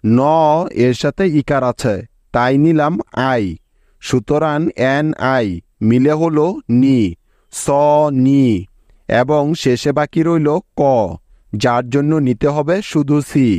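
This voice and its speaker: Slow, patient male teacher. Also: mid-range voice, darkish tone, dry recording. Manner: patient, checks in with learners. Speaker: English reading teacher. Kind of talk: slow step-by-step spelling lesson.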